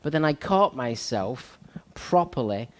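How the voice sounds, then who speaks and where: A man's voice: mid-range voice, big pitch swings, a little slow. A man hosting a talk show, speaking earnestly and motivationally as a salon owner, repeating his key points. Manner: earnest, repetitive, motivational, with frequent fillers. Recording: long hall reverb.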